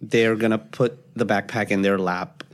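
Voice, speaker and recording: Low-voiced man. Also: normal speed. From Pakistan. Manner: animated storyteller, acts out quoted voices. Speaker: podcast guest. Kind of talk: casual storytelling interview.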